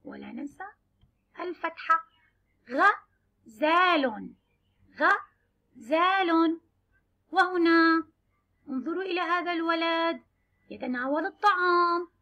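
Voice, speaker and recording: A woman teaching young children, sounding out letters and words slowly and clearly. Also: very high voice, pushed and bright. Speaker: kindergarten teacher. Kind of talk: children's lesson.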